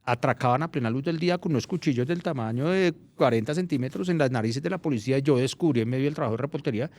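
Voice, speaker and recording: A man's voice: medium pitch, racing. A middle-aged man, a journalist, telling anecdotes in a casual interview, often restarting his phrases. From Colombia. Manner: anecdotal, restarts phrases, animated when recounting. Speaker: journalist guest.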